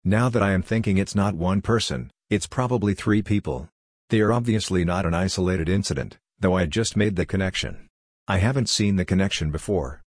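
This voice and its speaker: A man's voice: low-pitched, brisk, no room sound, clean studio sound. A man speaking as a life coach in a reflective self-help monologue, earnest and talking straight to the listener. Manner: earnest, direct, addresses the listener.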